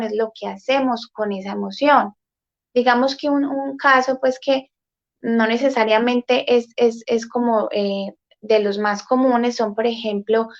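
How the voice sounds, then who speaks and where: Calm explaining woman, muffled audio. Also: fairly high pitch. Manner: calm, explanatory, with frequent "eh" fillers. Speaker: guest therapist. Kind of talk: explaining in an interview.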